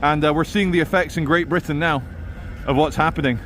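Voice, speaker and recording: A man's voice: on the high side, fairly even intonation, fairly quick, a bit bright. A man talking in a rambling, opinionated monologue as he records a walking vlog outdoors in a city. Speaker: vlogger. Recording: outdoor city and traffic noise.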